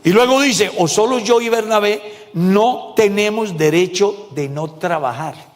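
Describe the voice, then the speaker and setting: High-voiced animated pastor preaching. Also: male voice, unhurried, big-room sound. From Colombia. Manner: animated, jokes and calls out questions to the congregation. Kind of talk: sermon. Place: church hall.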